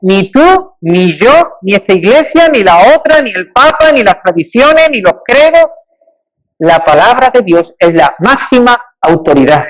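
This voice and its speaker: High-voiced man preaching emphatically. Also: sing-song, a little slow, poor audio. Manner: emphatic, rising on repeated rhetorical lists. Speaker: pastor. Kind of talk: sermon.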